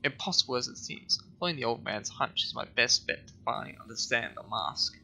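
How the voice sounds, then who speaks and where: A man reading a weary, haunted detective's thoughts aloud in a quiet, brooding tone. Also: medium pitch, animated, brisk, creaky, slight background noise, exaggerated voice. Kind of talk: reading game dialogue aloud.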